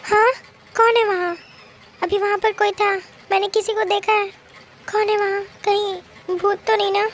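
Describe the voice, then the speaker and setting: A woman's voice: very high-pitched, little pitch movement, a little slow, slight background noise. A woman voicing a timid, easily frightened young woman who pleads and mutters to herself in a fan-made drama dub. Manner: anxious, pleading, talking to herself.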